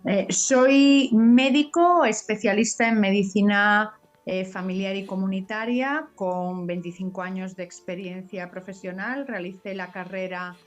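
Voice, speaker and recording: A woman in her forties from Galicia, a family doctor guest on a video call, speaking deliberately and repeating words for emphasis. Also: medium pitch, soft background music. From Galicia, Spain. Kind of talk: interview answers.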